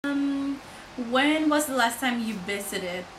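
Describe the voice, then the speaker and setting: A woman's voice: high voice, animated, takes it slowly, echoey room, noisy background. A woman from the Dominican Republic chatting casually on a vlog, giggly and rambling. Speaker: vlogger. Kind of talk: casual chat.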